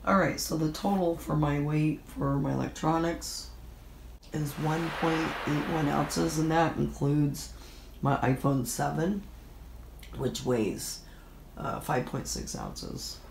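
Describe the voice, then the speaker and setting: A middle-aged woman vlogs casually about gear from a room at home, her deep voice stuffy and nasal from a bad cold, and she sniffles as she goes. She speaks slowly with lively intonation, a little mellow, with vocal fry. The audio is poor, with slight background noise.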